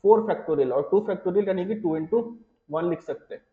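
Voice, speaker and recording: A male math teacher from India giving a classroom lecture, working through each step as he writes and checking in with his students. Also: high-pitched. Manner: talks through steps while writing, pauses on each term; reassuring, checks in with "theek hai". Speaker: mathematics teacher. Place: coaching classroom. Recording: echoey room, slightly dull sound.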